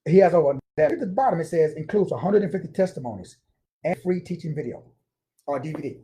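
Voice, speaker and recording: Animated, slangy man preaching. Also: fairly high pitch, fast talker. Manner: animated, slangy and emphatic, repeats words for stress. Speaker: spiritual teacher. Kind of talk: informal preaching lecture.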